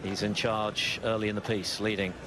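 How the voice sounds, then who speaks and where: A man's voice: on the low side, little pitch movement, moderate pace, music in the background, poor audio. A man giving snooker commentary in articulate, formally phrased, considered sentences. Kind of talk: sports commentary. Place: live snooker broadcast commentary.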